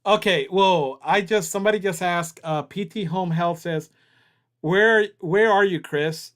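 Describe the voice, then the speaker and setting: A Southern US man hosts a laid-back livestream, cracking jokes and reading out viewer chat. His voice sits high and slightly bright, and he takes his time.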